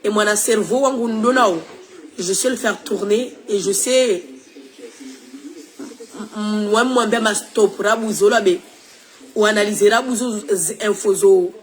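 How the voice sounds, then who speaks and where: Still getting over the flu and sounding tired, a woman who creates social media content chats casually with her followers, sharing opinions and slipping into Shimaore. She speaks at a measured pace with long pauses, in a medium pitch, on a rough recording.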